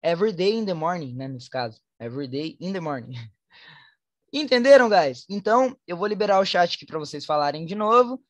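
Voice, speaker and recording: A woman with a Brazilian Portuguese accent, teaching an online English class, switching between Portuguese and slowly spoken English examples. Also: on the low side, animated, no echo. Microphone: online class headset or computer mic.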